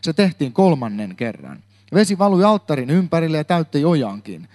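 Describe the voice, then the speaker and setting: A man's voice: a little high, very animated, darkish tone. A man giving a Bible talk, reading a long scripture passage aloud with occasional slips and self-corrections. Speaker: preacher.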